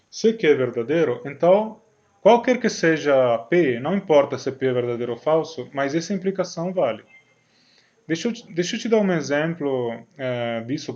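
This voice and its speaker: Italian male lecturer, mid pitch, halting delivery with lots of fillers, dull lo-fi recording. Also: a little mellow. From Italy. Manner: hesitant, many fillers and restarts, checks in with "né? certo?". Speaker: university math lecturer.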